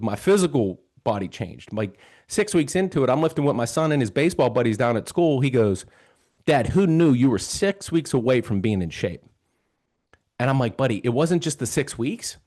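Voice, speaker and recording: A man's voice: medium pitch, darkish tone. A man in his fifties hosting a show, casually and earnestly telling a personal story and retelling dialogue as he goes. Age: 50s. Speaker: host.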